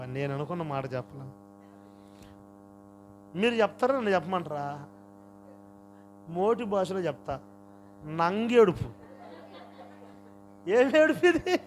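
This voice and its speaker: A high-pitched male pastor preaches with fervor, sinking to hushed asides and then climbing to loud, pleading cries. A faint hum sits under the voice. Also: expressive, slow pace, long pauses. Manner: impassioned preaching, swings from quiet to loud cries. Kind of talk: sermon.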